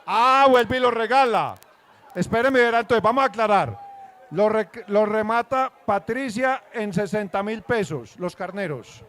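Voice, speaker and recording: A man's voice: high-pitched, lively intonation, unhurried, a bit bright, slight background noise. A man with a Colombian accent from Antioquia co-hosting a live auction, announcing informally.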